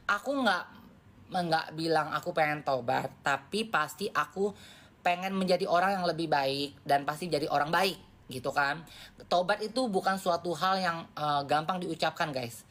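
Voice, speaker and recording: Woman around 40, phone livestream, blunt lecturing tone, slightly low voice. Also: normal speed, a bit bright. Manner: blunt, lecturing viewers in slangy talk. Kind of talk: casual live-stream chat.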